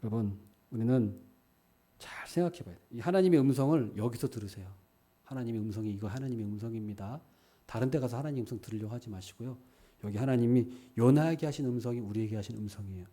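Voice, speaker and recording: A man pastor preaching a sermon, animated, acting out quoted dialogue and asking the listeners rhetorical questions. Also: medium pitch, fast.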